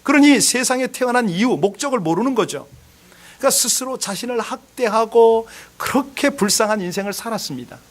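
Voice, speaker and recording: A man's voice: very high-pitched, expressive, fairly quick. A male pastor giving a sermon, earnestly asking the congregation questions and telling a story with rising emphasis.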